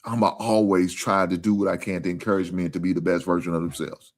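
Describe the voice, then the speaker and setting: A man's voice: low-pitched, level tone, quick pace. Profane, folksy man hosting a live stream. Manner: profane, folksy, earnest and repetitive. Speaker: host of a live sports stream. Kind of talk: casual live-stream talk.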